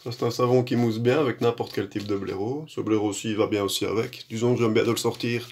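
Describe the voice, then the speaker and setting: A man with a low, gravelly voice talks through his shaving routine in an easygoing, wandering way. He pauses on fillers and slips in self-mocking remarks, over a faint hiss in the background. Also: steady tone, a little mellow. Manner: rambling, many fillers, self-deprecating asides. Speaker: shaving vlogger. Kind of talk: casual how-to commentary.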